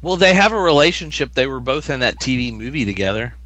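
A man's voice: mid-range voice, big pitch swings, fast, a bit bright, no room sound. A man co-hosting a podcast, adding brief dry remarks about comics. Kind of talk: casual comic book discussion.

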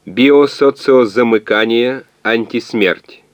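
A man reading an audiobook, voicing a translating calculator machine that speaks in slow, clipped, monotone word fragments. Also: mid-range voice, dry recording, voice pushed up, natural voice. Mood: flat, halting.

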